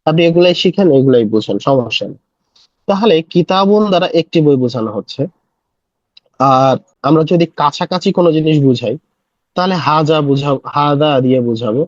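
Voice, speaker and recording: A man teaching a casual Arabic lesson, patiently explaining and repeating words slowly. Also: on the high side, lively intonation, no room sound, lo-fi sound. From Bangladesh. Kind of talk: casual spoken language lesson.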